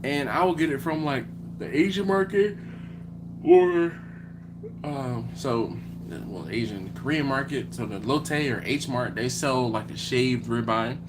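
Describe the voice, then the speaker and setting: This Philly host of a barbecue livestream speaks at a measured pace in a mid-range voice, with noise in the background. Chatting casually through the comments, he stays animated and acts out dialogues between different voices.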